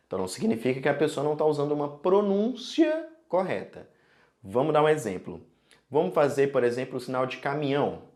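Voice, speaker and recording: Animated Brazilian man teaching. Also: medium pitch. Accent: Brazilian Portuguese. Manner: animated, explanatory, often checking in with "tá bom?". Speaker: sign language teacher. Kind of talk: online tutorial explanation.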